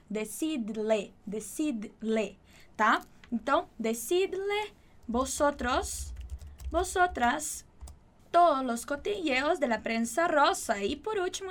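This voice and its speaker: A woman with a high voice gives an online Spanish lesson, explaining patiently and repeating each word slowly and clearly.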